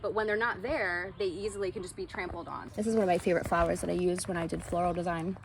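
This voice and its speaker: A woman's voice: fairly low pitch, fairly even intonation, fast talker, slight background noise. A woman giving a casual walkthrough of her garden outdoors, talking loosely with lots of fillers. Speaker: homesteader giving a garden tour.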